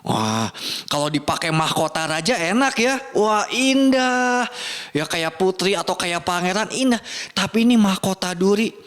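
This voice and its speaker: A young man teaching children in church, telling a Bible story in an animated, playful way and asking the kids questions. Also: sits high, moderate pace.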